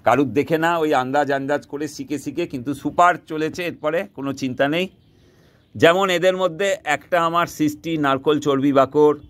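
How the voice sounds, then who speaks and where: A man's voice: on the high side, fairly quick, fairly bright tone. A man teaching viewers to make fishing bait in a casual vlog, recorded outdoors, talking in a repetitive, insistent way and sliding into broken Hindi. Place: outdoors, sky darkening before rain.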